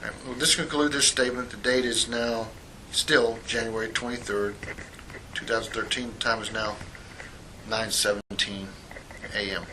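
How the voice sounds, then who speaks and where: With a lowish, steady voice, an internal affairs sergeant takes a witness through formal sworn-statement questioning in an interview room. He reads out formal statements in a measured, procedural way, and the old interview tape carries faint hiss.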